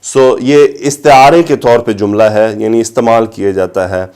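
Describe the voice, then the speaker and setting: A man teaching Arabic grammar of scripture in a lecture, reciting phrases slowly and then explaining them, lifting his voice to stress a point. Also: lowish voice, fairly even intonation, darkish tone, smooth.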